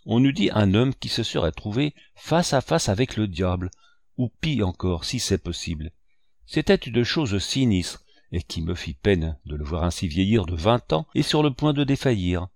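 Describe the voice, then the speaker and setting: Low-voiced man narrating an audiobook. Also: sing-song, a little mellow, no echo, studio quality. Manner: measured storytelling. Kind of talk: scripted narration.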